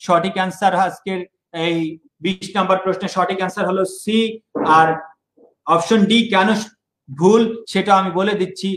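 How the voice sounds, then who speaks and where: A man's voice: high voice, fairly even intonation, moderate pace, long pauses, fairly bright tone, echoey room, a little hiss or hum, low-quality recording. A young man from Bangladesh, teaching an online exam-prep lesson and repeating key points.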